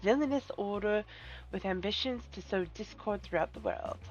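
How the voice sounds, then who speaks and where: A woman's voice: mid-range voice, normal speed, a little mellow, voice pushed up, close to an everyday voice. Silky, polite villain leader for a fantasy game, played by a woman; pompous, formal delivery over faint music. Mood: polite, grandiose. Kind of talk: video game role voicing. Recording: dull sound with music behind.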